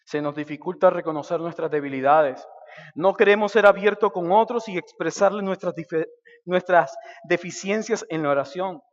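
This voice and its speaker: A man preaching a sermon, swinging between loud and hushed. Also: high voice, normal speed, long reverb tail, muffled recording. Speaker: pastor. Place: church sanctuary.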